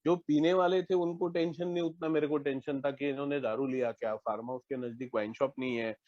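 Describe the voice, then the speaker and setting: A man's voice: medium pitch, steady tone, a little fast, a little mellow, dry recording. Indian man, mumbai hindi accent, personal testimony, muffled dry online call. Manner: conversational, acts out both sides of phone talks. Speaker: AA member sharing recovery story. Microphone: online call mic.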